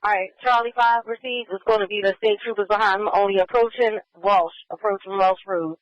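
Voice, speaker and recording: Through muffled scanner radio audio, a male police dispatcher repeats locations and orders in clipped radio phrasing. His voice is high-pitched and brisk with fairly even intonation, and there's no room sound.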